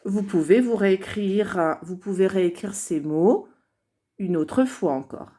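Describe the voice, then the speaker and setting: A woman teaching young children a dictation lesson, saying words slowly syllable by syllable and encouraging them as she writes along. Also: medium pitch, expressive, mellow. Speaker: primary school teacher.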